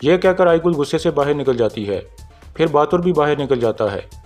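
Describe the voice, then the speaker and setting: A man with a Pakistani Urdu accent narrates a drama episode recap in a steady storytelling manner, reading the characters' lines out in his own voice. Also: on the high side, a little fast. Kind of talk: scripted narration. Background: faint background music.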